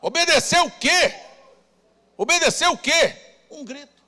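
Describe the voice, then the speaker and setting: A man preaching a sermon as pastor, rousing the congregation with shouted calls. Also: very high-pitched, lively intonation, unhurried. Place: church hall. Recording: long church reverb.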